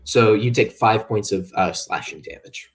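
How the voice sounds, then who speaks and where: A man's voice: on the low side, moderate pace. A man running an online tabletop game as game master, talking with frequent ums and uhs. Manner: hesitant, many ums and uhs.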